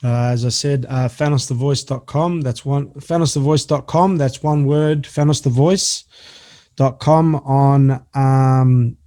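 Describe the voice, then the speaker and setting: A man's voice: mid-range voice, steady tone, measured pace, warm tone. A man, speaking casually as a guest on a podcast. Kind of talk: casual chat.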